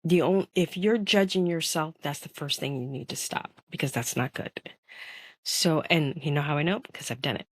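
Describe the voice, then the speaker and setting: A woman's voice: low-pitched, normal speed, no echo. A woman hosting a podcast, speaking earnestly and emphatically in a personal monologue addressed straight to her listeners. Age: adult parent. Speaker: podcast host.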